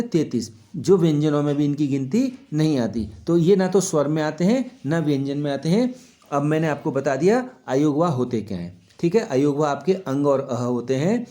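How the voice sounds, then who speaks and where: A man's voice: on the high side, warm tone. A man teaching a grammar lesson to children, patient and step by step, who keeps asking questions and answering them himself and checks whether the class is following. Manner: patient, slow, explains step by step.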